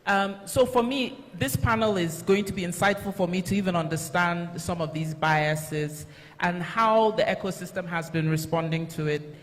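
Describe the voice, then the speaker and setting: A woman's voice: lowish voice, normal speed. A woman moderates a conference panel, addressing the room as its host. Her voice rings through a reverberant hall.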